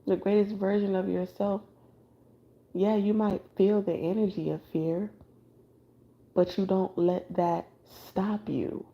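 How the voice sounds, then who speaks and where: Sleepless after an all-nighter, a female tarot reader delivers a slow, steady late-night spiritual talk at medium pitch. Loose and blunt, she keeps restarting, drops filler words and swears casually, and the audio has its high frequencies cut off.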